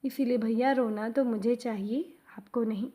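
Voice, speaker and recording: A woman voicing a hungry little street boy who pleads softly and tearfully. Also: a little high, steady tone, normal speed, close to an everyday voice. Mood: earnest.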